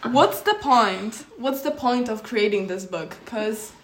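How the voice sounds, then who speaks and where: A Polish teenage girl co-hosts a podcast, her fairly high, animated voice moving slowly against slight background noise in an echoey room. She chats casually and hesitantly, full of fillers and restarts.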